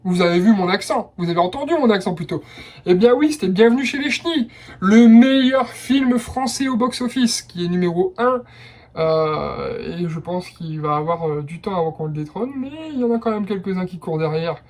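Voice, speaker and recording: A man's voice: high-pitched, moderate pace, darkish tone. A young man hosting a casual blind test quiz, chatty and enthusiastic, with personal asides between rounds. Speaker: quiz host.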